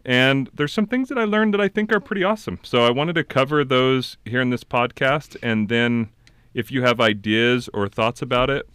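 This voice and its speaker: A man hosting a casual podcast, talking in a smooth late-night radio DJ voice, relaxed and explaining at length. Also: medium pitch, no room sound. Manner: relaxed, talks in long explanations with fillers and restarts. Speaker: podcast host and class instructor.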